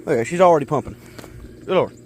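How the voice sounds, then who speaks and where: Breathless and talking fast in a fairly high voice, a man rambles through a casual outdoor vlog as he works on his backyard fish ponds, describing each task. Hip hop music blares over him, with a little hiss or hum underneath.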